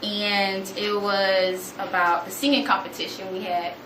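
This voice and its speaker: A young woman gives an animated storytelling talk to an audience, acting out quotes in a higher voice. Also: measured pace. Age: young adult. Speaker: student speaker. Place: room with an audience. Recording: echoey room, noticeable background noise.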